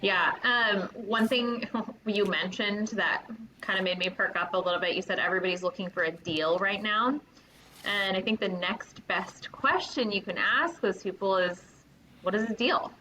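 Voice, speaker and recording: A woman with a bright, forceful voice talks casually as a guest on a podcast. She speaks in a friendly way and poses questions back to the listener, with a faint hiss in the background. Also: medium pitch, moderate pace, rough recording. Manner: friendly, conversational, asks rhetorical questions. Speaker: real estate agent guest.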